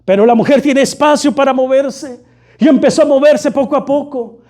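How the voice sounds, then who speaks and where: A man's voice: very high voice, moderate pace, dark tone. A man preaching a fervent sermon, constantly calling his listeners brother. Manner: fervent, repeatedly addressing "hermano".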